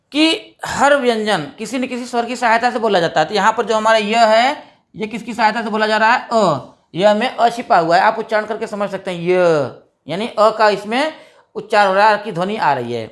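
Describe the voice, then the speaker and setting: A woman teaching a grammar lesson, patiently asking questions and answering them herself, drawing out key sounds slowly. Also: on the high side, fairly bright tone. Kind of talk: explanatory classroom lesson.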